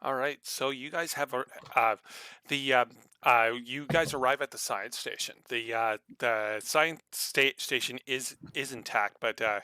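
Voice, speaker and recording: A man narrating a tabletop role-playing game as game master, halting and stumbling, with many fillers and restarts. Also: medium pitch, bright, forceful tone, smooth, no echo.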